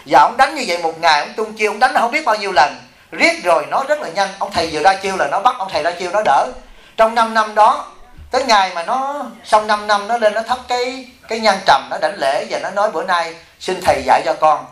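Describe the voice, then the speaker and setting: A man's voice: high-pitched, fast. A middle-aged man, a Buddhist monk and abbot, giving a dharma talk, telling stories animatedly and questioning his listeners. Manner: animated storytelling, acting out quoted voices, asking the audience. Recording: echoey hall.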